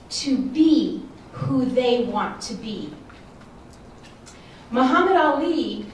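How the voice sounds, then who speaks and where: Female panel speaker, American, unhurried and sincere, roomy distant recording. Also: high voice, a little hiss or hum. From United States. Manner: earnest, measured, with fillers. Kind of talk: prepared speech at a forum. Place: museum event space. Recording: echoey hall from far off.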